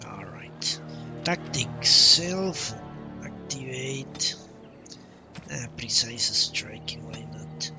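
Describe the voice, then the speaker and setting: This man's medium-pitched voice is whispered and very slow, yet animated, as he streams a game live. He's casually muttering to himself and thinking aloud while going through menus. Video game music sits clearly behind his voice.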